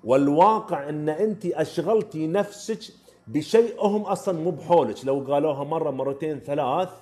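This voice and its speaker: A man's voice: on the high side, a little fast, darkish tone. A man with an Omani Arabic accent, hosting a live stream where he answers viewers' driving questions in a casual, emphatic way and repeats his key phrases. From Oman.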